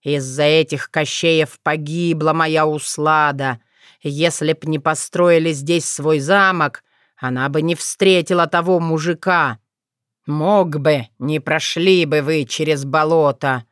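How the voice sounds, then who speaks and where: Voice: medium pitch, steady tone, slow pace, fairly bright tone, clean tone, dry recording, clean studio sound. A reader voicing a spiteful, half-mad old male forest spirit who snarls and gloats. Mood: gloating.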